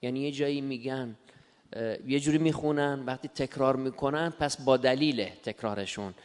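A man raising a point during a lesson, deferential and apologetic toward the teacher. His voice sits at a middle pitch. A long hall reverb surrounds it. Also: smooth. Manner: deferential, apologetic when disagreeing. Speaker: class participant.

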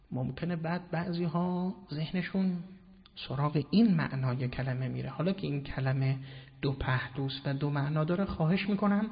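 A man's voice: a little high, breathy edge. A man giving a formal, explanatory religious lecture and quoting Arabic verses. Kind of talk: religious lecture on Quranic wording. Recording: dull lo-fi recording with long hall reverb.

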